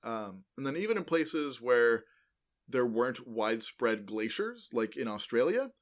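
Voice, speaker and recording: A man co-hosting a podcast, explaining things in a loose, informal way and filling pauses with many ums, uhs and likes. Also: medium pitch, big pitch swings. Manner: rambling, many ums and uhs, self-correcting; loose and informal, uses "like" often. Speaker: podcast co-host explaining paleontology. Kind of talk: casual educational podcast chat.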